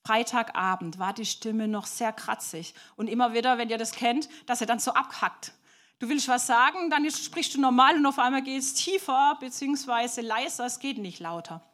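A fairly high-voiced woman preacher tells a story to a group of children. She keeps it lively and stops now and then to ask her listeners questions. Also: moderate pace. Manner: lively, asks the audience questions.

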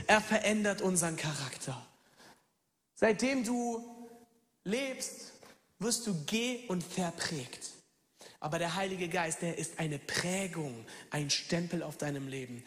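A German pastor in his thirties preaches a lively sermon with personal stories in a large hall, his voice sitting high. He swings from loud calls to hushed near-whispers and speaks straight to his listeners.

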